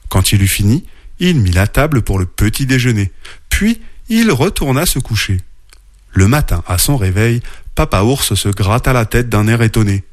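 A man narrating a children's storybook aloud in a playful, expressive read-aloud manner. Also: on the low side, moderate pace, no room sound, clean studio sound.

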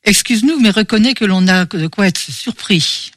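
A woman voicing a quick-tempered protective father in an audiobook, tense and indignant. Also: medium pitch, lively intonation, a bit bright, dry recording, studio quality. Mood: guarded.

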